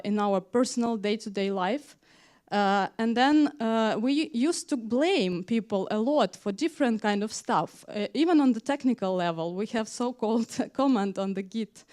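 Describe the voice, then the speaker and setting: Speaking in a conference hall, a Ukrainian tech manager gives her talk with many hesitations, constant "uh" fillers, and non-native grammar. She has a fairly high-pitched voice with a darkish tone.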